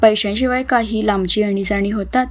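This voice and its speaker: A woman voicing a frail, ailing mother with a soft, tender delivery in a storybook reading. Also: medium pitch, fairly even intonation, fairly quick, natural voice.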